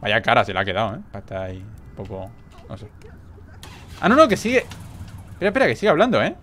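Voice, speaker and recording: A young man with a Spain Spanish accent giving excitable gameplay commentary, full of quick exclamations and swearing. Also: on the low side. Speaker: gaming YouTuber.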